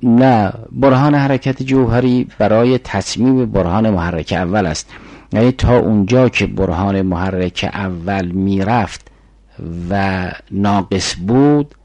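A man's voice: fairly low pitch, darkish tone, no echo, lo-fi sound. An older man giving a formal philosophy lecture, explaining arguments step by step and reciting Arabic syllogisms.

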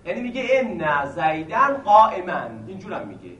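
High-voiced man teaching in an echoey room. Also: big pitch swings, a bit bright, muffled recording. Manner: poses questions to the class and answers them himself; repeats each point patiently. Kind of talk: seminary grammar lesson. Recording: echoey room, mic at a distance, faint noise.

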